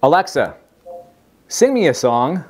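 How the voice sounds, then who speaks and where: Fairly high-pitched and slightly rough, this man's voice moves a little slowly. In a casual tech demo, he plays host, lively and amused as he questions a voice assistant.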